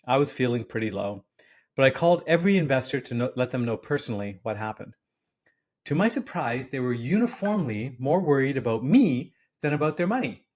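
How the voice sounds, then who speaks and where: A man's voice: medium pitch, darkish tone. A man in his fifties hosting a podcast, reading a personal essay aloud in a wry, self-deprecating storytelling manner. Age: 50s. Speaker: podcast host. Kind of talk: scripted personal-essay narration.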